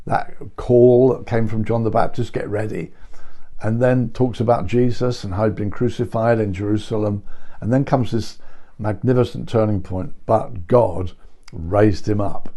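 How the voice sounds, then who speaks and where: An older man giving an earnest, reflective devotional talk and voicing scripture quotes softly. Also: mid-range voice. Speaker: preacher.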